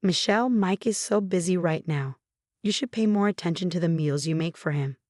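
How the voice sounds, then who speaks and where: A bossy, critical older mother-in-law, put on by a woman narrator who scolds and demands in a fairly low voice. The sound is dry and close, with no room around it. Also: normal speed, a little mellow, no echo, lightly acted. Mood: demanding.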